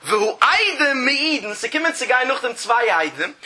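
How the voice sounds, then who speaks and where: A man with a high, piercing voice leads a traditional study-hall lesson. He chants in a sing-song cadence and stretches out key phrases. He slips into the voices of the people who argue over a debt. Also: big pitch swings, measured pace, bright, forceful tone. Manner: acts out the disputing parties in quoted voices. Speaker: Talmud teacher.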